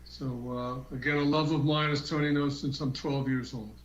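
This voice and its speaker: A man's voice: mid-range voice, steady tone, moderate pace. A man calling in as a guest from a treatment room, hesitant with many fillers, his voice muffled and distant as if through a wall. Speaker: guest healer on a call-in show. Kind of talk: casual call-in chat. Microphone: remote computer call. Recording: muffled roomy remote call audio.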